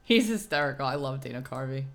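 Low-voiced woman co-host, chatty. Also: lively intonation, fast, vocal fry. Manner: chatty, open. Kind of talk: casual chat.

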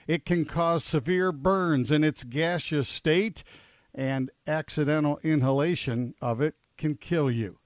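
Slow, measured radio storyteller man. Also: a little high, no echo, studio quality. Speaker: radio morning show co-host.

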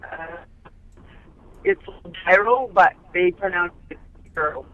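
A woman's voice: lowish voice, takes it slowly. Woman on speakerphone from a car, muffled phone sound, dry and matter-of-fact. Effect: on speakerphone in a moving car. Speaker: host's mother on a call. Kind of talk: casual phone chat.

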